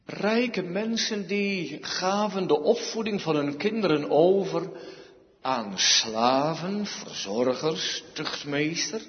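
A male preacher giving an emphatic sermon, with dramatic pauses and repeated phrases. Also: on the high side, expressive. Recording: dull sound, echoey hall.

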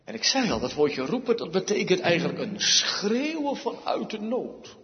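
Man, preacher, sermon, emphatic with repetitions, higher voice, muffled recording. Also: big pitch swings. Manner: emphatic, with dramatic pauses and repetitions. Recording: dull sound, echoey hall.

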